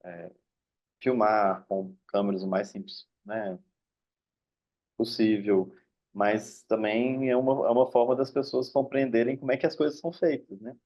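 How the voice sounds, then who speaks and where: A man with a gravelly, creaky voice moderates an online discussion. His lo-fi call audio sounds dull and muffled, and he speaks at a middling pitch, thoughtful and hesitant, with frequent tag questions. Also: unhurried. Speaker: mediator.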